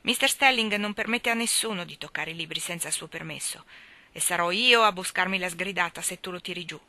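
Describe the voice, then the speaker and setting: A woman's voice: lowish voice, brisk, pushed and bright. A woman reading aloud and voicing a boastful, know-it-all young brother who teases his sister. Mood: teasing. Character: cocky schoolboy brother, boastful and teasing.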